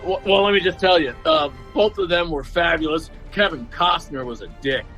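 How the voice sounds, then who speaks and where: A man's voice: fairly high pitch, moderate pace, a bit bright, highs cut off, soft background music. A man reacting and laughing along in a casual podcast chat. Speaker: podcast host.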